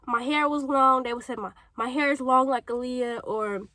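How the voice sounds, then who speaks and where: A woman's voice: sits high, fairly even intonation, moderate pace, pushed and bright, dry recording, poor audio. A young woman from St. Louis, Missouri, with a St. Louis accent, telling her personal story in a rambling, chatty way with lots of fillers and tangents, a little congested from a cold. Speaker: vlogger. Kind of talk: personal testimony, casual talk to camera.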